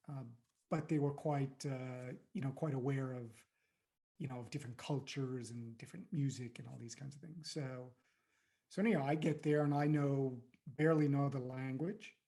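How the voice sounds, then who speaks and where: Mellow-voiced American man telling stories. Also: on the high side. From United States. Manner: reflective, storytelling, many fillers and restarts. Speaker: podcast guest, life coach. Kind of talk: conversational interview.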